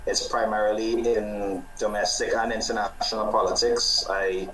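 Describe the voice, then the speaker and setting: A man's voice: lowish voice, level tone, moderate pace, fairly bright tone, reverberant, slight background noise, low-quality recording. A man from Trinidad, born in the US, introducing himself as a panel guest over a video call, hesitant and correcting himself as he goes. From born in the US, grew up in Trinidad. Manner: hesitant, starts with "well" and self-corrections. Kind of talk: self-introduction in a panel discussion.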